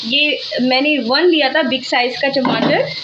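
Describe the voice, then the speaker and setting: A woman's voice: high-pitched, a little slow, lo-fi sound, noisy background. A woman from Pakistan with a Pakistani Urdu accent, explaining a recipe step by step in a chatty home-cooking style at her kitchen stove, filming on a handheld phone. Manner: chatty, step-by-step, repeats "theek hai". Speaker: cooking vlogger. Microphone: handheld phone camera.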